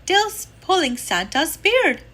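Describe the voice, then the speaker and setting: Brave upbeat small boy for a storybook, read by a woman; eager, lively. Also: extremely high pitch, slow pace, voice pushed up, full character voice.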